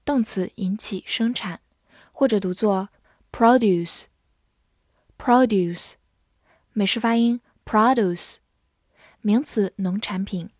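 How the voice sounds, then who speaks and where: Slow, measured woman teaching English words. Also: medium pitch, darkish tone, breathy edge, no room sound, studio quality. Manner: deliberate, repeats each word twice then gives meanings. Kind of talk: slow vocabulary drill and translation lesson.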